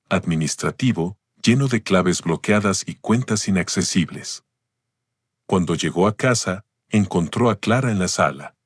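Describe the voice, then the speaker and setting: A man narrates a family drama in a calm, measured way. His voice is very low and steady. The recording is dry, with no room sound. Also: slightly rough, no room sound. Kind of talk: scripted story narration.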